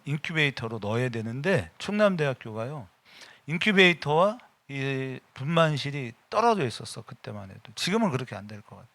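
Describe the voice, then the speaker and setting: In a church sanctuary, a middle-aged senior pastor delivers an afternoon sermon in a bright, gravelly, forceful voice. He shifts between relaxed personal talk and sudden loud bursts of prayer, his pitch ranging widely, and his manner is emphatic and personal. The recording is close and dry, with no echo.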